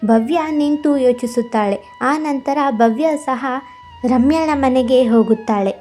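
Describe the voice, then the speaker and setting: High-voiced woman narrating a story. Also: a little slow, faint music behind. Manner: steady, storytelling. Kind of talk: scripted narration.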